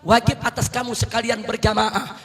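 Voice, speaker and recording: A man preaching a fiery rally sermon as an Islamic preacher, shouting rousing calls to the crowd and often addressing them as brothers. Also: very high voice, little pitch movement, moderate pace.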